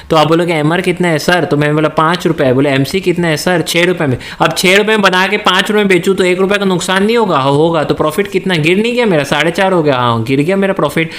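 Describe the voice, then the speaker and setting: A man's voice: a little high, fairly bright tone. A male teacher giving a lecture, asking his students questions and answering them himself, mixing English terms into his speech. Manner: slips into Hindi-English mix. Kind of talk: classroom lecture.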